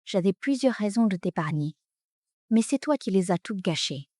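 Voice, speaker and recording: A woman's voice: mid-range voice, expressive, moderate pace, dark tone, dry recording, clean studio sound, close to an everyday voice. A woman voicing a composed, cutting young heiress in a French melodrama dub. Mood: cold. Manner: cold, cutting. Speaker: dubbing actress.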